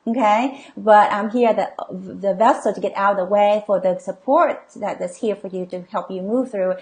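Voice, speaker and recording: A woman's voice: medium pitch, moderate pace, a little mellow. A middle-aged woman coach and healer hosting a live online session, reading viewer comments and reassuring them with frequent "okay?" and filler sounds. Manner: reassuring, many okays and ums, reads comments aloud.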